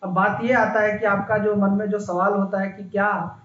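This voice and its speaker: A man's voice: sits high, little pitch movement, normal speed, fairly bright tone. A man teaching a physics lesson in speech, explaining step by step and often checking in with the class. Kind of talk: classroom lecture. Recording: echoey, dull, faint background noise.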